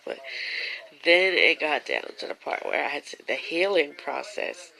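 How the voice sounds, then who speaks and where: A woman's voice: low-pitched, vocal fry, fairly bright tone, poor audio. A young woman telling a personal story to her viewers in a casual, emotional way, at times fighting back tears, with features. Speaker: vlogger.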